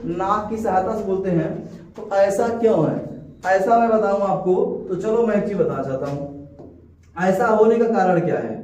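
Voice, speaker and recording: High-voiced man lecturing in an echoey room. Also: darkish tone. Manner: repeats key terms and asks rhetorical questions. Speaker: teacher. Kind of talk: classroom lecture with call-and-response questions. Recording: echoey, distant, dull lo-fi sound.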